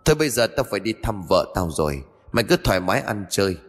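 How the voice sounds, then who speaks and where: A man's voice: lowish voice, big pitch swings, fast, in a large hall. A man voicing a cruel, domineering male ghost who talks in a threatening, commanding way. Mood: smug.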